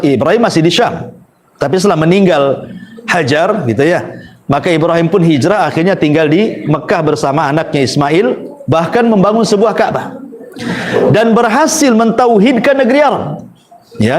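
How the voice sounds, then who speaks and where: A man preaching a religious lecture in a storytelling way, his voice jumping up on questions and dropping low on asides, with small chuckles and self-corrections. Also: a little hiss or hum. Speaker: Islamic preacher.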